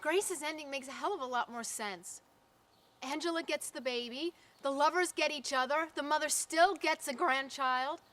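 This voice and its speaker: An actress playing a practical, level-headed film crew member who talks calmly and persuasively. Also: female voice, high-pitched, normal speed.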